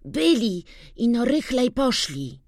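A narrator voicing an eager young village farmhand boy in a high, excited, chattering voice in an audiobook. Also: slow, no echo, clean studio sound, full character voice.

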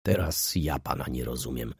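A man playing a quiet, guarded merchant from a classic audiobook, with a low, gravelly voice and a husky edge, answering in short, restrained lines. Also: lively intonation, moderate pace, dry recording, studio quality, full character voice. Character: quiet, reserved middle-aged male merchant. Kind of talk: audiobook character voice.

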